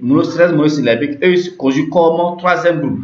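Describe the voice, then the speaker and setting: A man's voice: on the high side, a little fast, a little mellow. Man teaching grammar in an echoey room. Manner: repetitive, checks understanding with frequent "ok". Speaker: language teacher. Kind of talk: explaining grammar lesson. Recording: echoey, dull lo-fi room recording.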